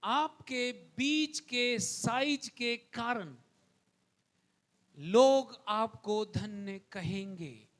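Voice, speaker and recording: A man with an Indian accent preaching a sermon to his church, dropping to hushed asides and then rising to loud calls, repeating phrases to the congregation. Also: extremely high pitch, animated, extremely slow. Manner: swings between hushed asides and loud exhortations. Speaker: pastor. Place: church hall.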